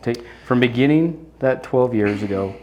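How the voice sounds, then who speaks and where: A man's voice: medium pitch, lively intonation, moderate pace, darkish tone. A man hosting an on-stage interview, asking questions in a conversational way and checking in with "right?". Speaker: interviewer, host.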